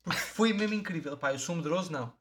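Fast-talking young Portuguese man. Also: fairly high pitch, background noise. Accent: European Portuguese. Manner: quick, jokey banter with slang. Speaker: podcast co-host. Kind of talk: casual chat.

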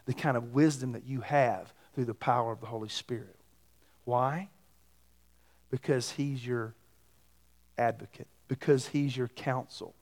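A middle-aged man preaching a sermon as a pastor, emphatically, with rhetorical questions, swinging between loud and hushed delivery. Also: mid-range voice. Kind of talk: sermon to a congregation.

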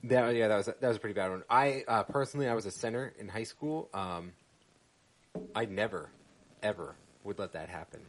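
A man's voice: on the low side, fairly quick, a little hiss or hum. A man co-hosting a casual sports podcast, listing details and cracking dry jokes. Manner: analytical, wry. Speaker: podcast co-host.

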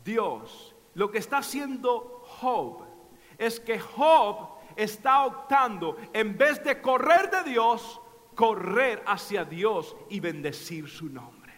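Very high-voiced impassioned male preacher. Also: sing-song, slow, in a large hall. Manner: impassioned, swinging from hushed to shouting. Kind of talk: sermon.

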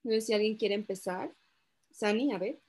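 A woman's voice: mid-range voice, normal speed, darkish tone. A woman moderating a panel discussion, circling her questions with many fillers. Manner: hesitant, lots of fillers.

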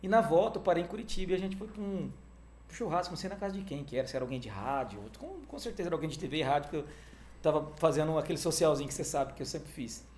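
A man telling a story in a casual interview, speaking fast and with a fairly high voice. He is animated and sprinkles "cara" through his talk, acting out the people he quotes. A faint room ambience sits behind him. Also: slight background noise. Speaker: guest, music manager.

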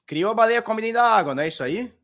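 A man's voice: high-pitched, expressive, rapid-fire, a bit bright. A man from Santos, giving casual crypto market commentary, teasing the viewer and pointing things out with "ó". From Santos, Brazil. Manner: teasing, mocking the viewer, constant "ó".

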